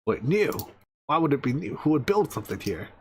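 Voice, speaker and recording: A man's voice: a little high, sing-song, fairly quick, darkish tone, slight background noise. A man playing a tabletop game over voice chat, loose and eager, laughing as he talks. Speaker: player.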